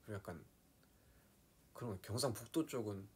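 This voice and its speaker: Soft-spoken young man, low husky voice. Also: brisk. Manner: soft-spoken, drops into quiet asides, playfully mimics regional dialects. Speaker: live stream host. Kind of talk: casual live-stream chat.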